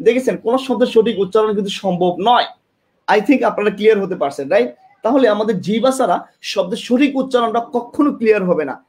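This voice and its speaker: Fast-talking and high-voiced with a darkish tone, this man runs an online exam-prep class from a classroom with a board, captured on a camera mic. He often repeats things, quizzes his students, and uses his tongue and lips to demonstrate.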